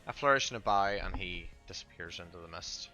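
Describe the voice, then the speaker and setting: Low, forceful game master. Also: male voice, a little fast, faint music behind. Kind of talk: narrating a tabletop game, chatty asides.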